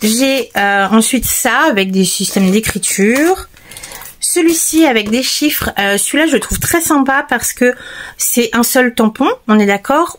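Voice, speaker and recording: A woman with a slightly high voice walks viewers through her paper-crafting supplies in a casual tutorial. She talks in an easygoing, chatty way, full of small hesitations and asides to the audience. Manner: chatty and relaxed, speaks straight to viewers, many hesitations.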